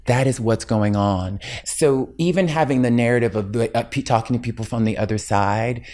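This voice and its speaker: A woman in her fifties, a guest in a casual interview, talking reflectively and telling animated stories in which she acts out the people she quotes. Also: very deep voice, moderate pace. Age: 50s.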